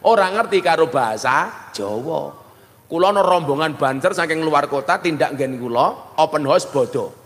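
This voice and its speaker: A middle-aged Javanese-accented preacher delivers a joking sermon, slipping between plain talk and mock voices. His voice sits a little high for a man. A long hall reverb trails after every phrase. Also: animated, normal speed, fairly bright tone. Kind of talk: humorous sermon.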